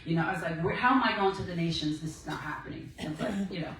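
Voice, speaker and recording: Speaking fast to a women's ministry gathering, this woman shares her own story conversationally and performs the dialogue she quotes. Her pitch is fairly low and her tone slightly bright. The mic sits far away in an echoey meeting room, picking up slight background noise.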